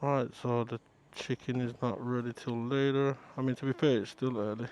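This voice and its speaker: British man vlogging over clear road noise. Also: medium pitch, fairly even intonation, normal speed, a little mellow, poor audio. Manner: informal, slangy, muses aloud to himself. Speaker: motovlogger. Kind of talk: casual vlog chat, talking to viewers while riding. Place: outdoors on a motorcycle in town. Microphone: microphone inside a motorcycle helmet. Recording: helmet mic with traffic and engine noise.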